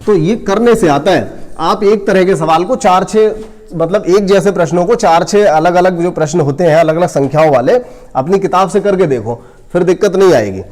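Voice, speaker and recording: A man's voice: high voice, moderate pace. A man teaching a coaching class in math, working sums aloud step by step and talking straight to his students. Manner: addresses students directly, gently scolding.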